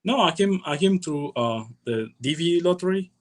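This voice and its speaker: Young Togolese man, halting casual storyteller. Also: a little high, animated. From Togo, West Africa. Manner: halting, repeats phrases, acts out dialogue. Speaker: interview guest.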